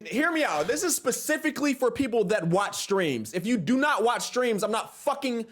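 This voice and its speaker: A man's voice: very high-pitched, big pitch swings, normal speed. A man co-hosting a casual podcast chat, ranting emphatically and with exasperation. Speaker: podcast co-host.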